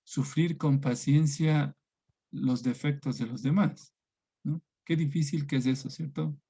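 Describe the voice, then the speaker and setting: A man's voice: on the high side, steady tone, measured pace, mellow, breathy edge. A man with an Ecuadorian Spanish accent teaching a religion class over a video call, speaking conversationally and often checking in with his students. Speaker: catechism teacher.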